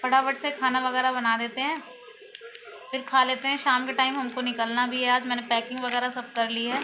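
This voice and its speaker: A woman's voice: high-pitched, level tone, brisk. A woman vlogging casually from her family home, chatting and explaining things step by step. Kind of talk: casual home vlog talk. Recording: noisy phone recording at home.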